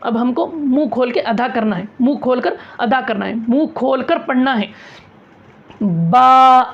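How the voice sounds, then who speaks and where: A woman's voice: a little high, moderate pace, highs cut off. A woman teaching a recitation class, repeating each point and asking and answering her own questions. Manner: repetitive, drilling, asks and answers own questions. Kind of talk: classroom tajweed lesson.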